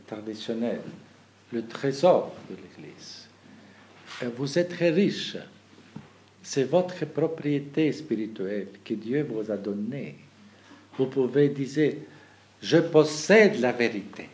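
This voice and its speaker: A bishop from Kazakhstan speaks to the faithful, slowly and haltingly, in a language that is not his first. He restarts his sentences often and fills the gaps with little hesitations. A faint hiss of noise sits under his voice. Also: medium pitch, mellow. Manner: halting, many restarts and fillers, laughs at own anecdotes. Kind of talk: talk to the faithful.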